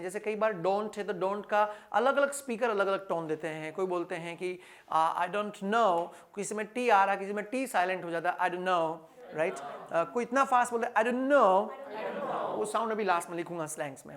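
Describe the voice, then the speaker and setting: A man's voice: sits high, a bit bright. A man with an Indian accent teaching a spoken English class, quizzing his listeners and repeating each answer aloud. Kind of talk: classroom lecture.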